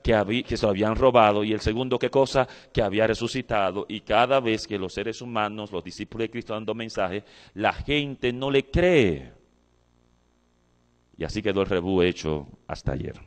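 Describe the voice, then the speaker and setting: A man's voice: lowish voice, moderate pace. A Mexican man preaching in a church, praying first and then reading scripture aloud and asking the congregation questions. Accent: Mexican Spanish. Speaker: pastor. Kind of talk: sermon with opening prayer.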